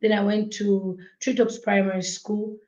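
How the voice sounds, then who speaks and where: A woman's voice: medium pitch, flat delivery, a little slow, dark tone. A young woman, answering interview questions in a chatty way with lots of ums. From Zambia. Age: young adult. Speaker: guest, blogger. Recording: echoey dull remote call audio.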